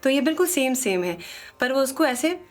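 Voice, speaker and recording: A woman teaching a song, explaining quickly in speech and singing phrases slowly to demonstrate. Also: sits high, big pitch swings, soft background music.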